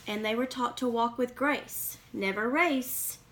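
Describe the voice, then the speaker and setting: Reading a picture book to children, this woman speaks a little slowly and expressively, pausing for questioning asides. Her higher voice is fairly bright, with slight background noise.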